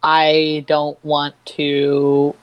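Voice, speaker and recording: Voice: mid-range voice, completely flat delivery, extremely slow, clear, resonant tone, dry recording, lo-fi sound. A player voicing Kat, a scheming woman mage in a tabletop game who talks wryly and casually. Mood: sly.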